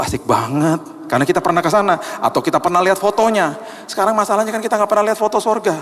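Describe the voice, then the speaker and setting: A middle-aged man preaching a sermon as pastor, chatty and lively in his storytelling. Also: high-pitched. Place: church sanctuary. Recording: long reverb of a large hall.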